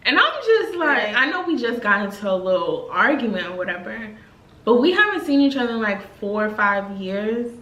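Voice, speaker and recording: Chatty, bright-voiced young woman telling a story. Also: on the high side, brisk, roomy sound, rough recording. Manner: chatty and expressive, heavy slang and fillers. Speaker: vlogger. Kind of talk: casual storytime vlog.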